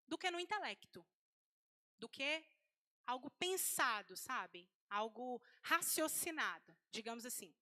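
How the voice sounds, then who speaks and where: A woman's voice: sits high, bright, forceful tone. A woman preaching a sermon to women in a conversational way, acting out quoted lines of speech.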